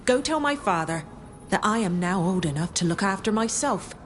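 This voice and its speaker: A woman's voice: mid-range voice, expressive, moderate pace, slight background noise, close to an everyday voice. An actress playing a proud, defiant young female sea captain in a video game, indignant and headstrong. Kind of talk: video game dialogue acting.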